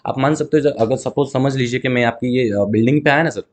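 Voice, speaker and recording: Speaking quickly at a medium pitch, a burger seller shares a story as an interview guest in a casual setting. He gets animated, voicing both himself and his customers, and drops in English words.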